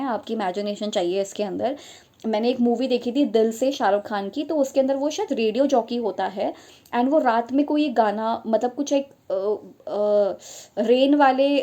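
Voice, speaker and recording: Preparing learners for teaching exams, a young woman explains each point in turn aloud, going over ideas again and sprinkling in English expressions. Her pitch is fairly high and her tone dark.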